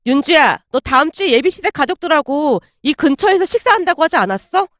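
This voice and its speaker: A woman voicing a sharp-tongued young woman who scornfully orders a former classmate around in a storybook drama. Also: high-pitched, big pitch swings, fairly quick, no echo, studio quality. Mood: scheming. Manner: irritable, commanding, scornful.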